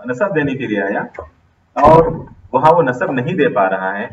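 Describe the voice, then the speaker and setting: A man's voice: medium pitch, big pitch swings, moderate pace, lo-fi sound, slight background noise. A man with a Pakistani Urdu accent teaching an Arabic grammar lesson, drilling students with questions and repeating terms emphatically. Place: classroom. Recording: roomy classroom, mic far off.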